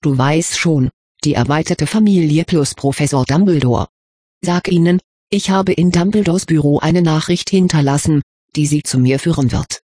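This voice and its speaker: A reader voicing a brusque, hurried young male wizard with a sarcastic, impatient way of talking, in an audiobook. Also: mid-range voice, mellow, breathy edge, no echo, clean studio sound, lightly acted. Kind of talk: audiobook character reading.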